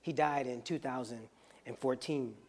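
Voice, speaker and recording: A workshop leader talking with a group, energetic and conversational, often checking in with the audience. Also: mid-range voice, normal speed. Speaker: teacher leading a workshop. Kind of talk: interactive group discussion.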